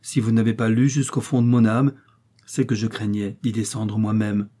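A man reading the part of an older monk prior, grave and measured, stern but fatherly. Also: on the low side, little pitch movement, mellow, slightly rough. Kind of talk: audiobook reading.

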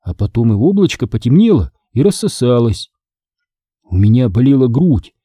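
Dark-voiced man reading a horror story. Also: medium pitch, sing-song, moderate pace, husky, no echo, clean studio sound. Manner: tense, vivid storytelling. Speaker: audiobook narrator. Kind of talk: dramatic first-person audiobook reading.

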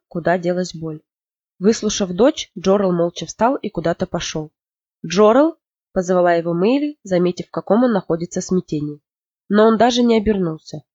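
A narrator reading a novel aloud in an expressive storytelling manner. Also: medium pitch, no room sound. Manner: expressive storytelling, lifting for emotional moments. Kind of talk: audiobook narration. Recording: dull lo-fi, dry.

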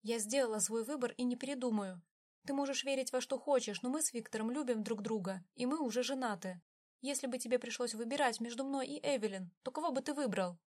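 A woman putting on a young woman's voice in a storybook reading, tearful and pleading, voice pushed higher than the narrator's own. She sounds desperate, and her tone rises sharply whenever she begs. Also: fast talker, a little mellow, close to an everyday voice. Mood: resolute.

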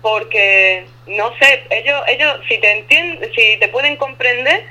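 A woman's voice: fairly high pitch, a little slow, bright, forceful tone, dull audio. A woman from southern Spain with a lisping Andalusian accent that drops letters, chatting colloquially as an interview guest over a remote call. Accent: Andalusian, from Ubrique. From Ubrique, Andalusia, Spain. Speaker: interview guest living abroad. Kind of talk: casual phone interview.

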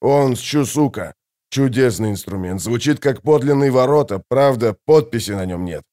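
A man's voice: mid-range voice, lively intonation, moderate pace, mellow, natural voice. A man reading the part of a broken, devoted older warrior-minstrel who speaks in a faltering, pleading way. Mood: flustered.

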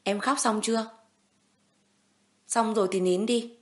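A woman's voice: on the high side, fairly even intonation, unhurried, close to an everyday voice. A protective young hero in a romance audiobook, read by a woman narrator in her own voice. He speaks firmly and soothingly, tender with his beloved, cold and threatening toward enemies. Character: protective young man, tender yet menacing.

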